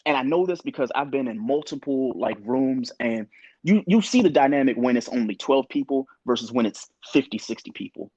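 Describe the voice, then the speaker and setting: Opinionated man, husky dry voice. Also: mid-range voice, fairly quick, no room sound, muffled recording. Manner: animated, opinionated, quotes others in voices. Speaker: podcast co-host. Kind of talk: casual podcast discussion.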